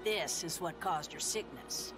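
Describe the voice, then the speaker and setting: A woman's voice: low voice, expressive, unhurried, music in the background. A cackling ancient witchy doctor. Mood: lecturing. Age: older. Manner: brusque, lecturing. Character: ancient, sharp-tongued old woman doctor. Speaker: castle doctor. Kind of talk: English anime dub acting.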